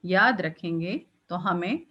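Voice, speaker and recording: A woman teaching Quranic recitation rules, explaining patiently and demonstrating each letter with a drawn-out, breathy release. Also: fairly low pitch, muffled recording. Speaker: tajweed teacher. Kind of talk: step-by-step recitation lesson.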